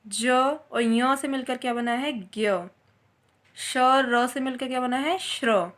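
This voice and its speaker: A woman's voice: high-pitched, level tone, moderate pace, a bit bright. A woman teaching a Hindi grammar lesson, explaining step by step and answering her own questions as she goes.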